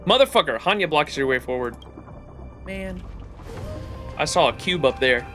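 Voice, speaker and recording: A young man livestreaming a game, excitable and joking, swearing now and then and reading quest text aloud over faint music. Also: fairly high pitch, moderate pace. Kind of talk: casual gameplay commentary.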